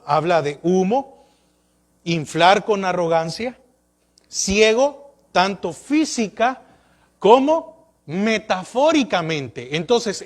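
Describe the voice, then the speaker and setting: A male pastor with a high-pitched voice preaches a sermon, firing question after question at the congregation with rising and falling emphasis.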